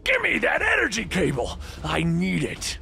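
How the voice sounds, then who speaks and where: A man voicing a manic, violent male cyborg that swings from needy to murderous, shouting in a shrill voice. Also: wildly swooping pitch, normal speed, gravelly, faint music behind, full character voice.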